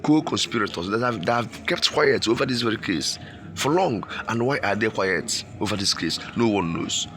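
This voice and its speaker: A man's voice: on the low side, moderate pace, a bit bright. A man with a Nigerian accent giving impassioned political commentary, emphatic, repeating phrases and posing rhetorical questions.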